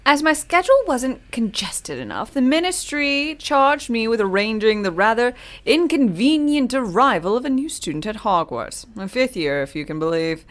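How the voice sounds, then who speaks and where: A woman's voice: on the high side, big pitch swings, normal speed. A woman voicing a pompous, posh old male headmaster, reading a letter aloud with haughty airs.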